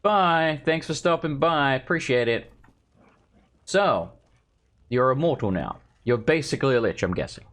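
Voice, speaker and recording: Lively, sarcastic gamer commentary. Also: medium pitch, a little slow. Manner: sarcastic, wisecracking, sweary. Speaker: let's player. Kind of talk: casual gameplay commentary.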